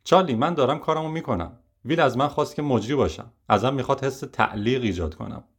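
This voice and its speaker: A man voicing a defensive, excitable male TV presenter in an audiobook reading. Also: mid-range voice, breathy edge. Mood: insistent.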